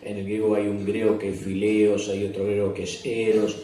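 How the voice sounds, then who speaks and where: A man's voice: on the low side, flat delivery, normal speed, warm tone. A man, a pastor telling a sermon story and asking the congregation questions. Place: church retreat service. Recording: echoey church hall, distant mic.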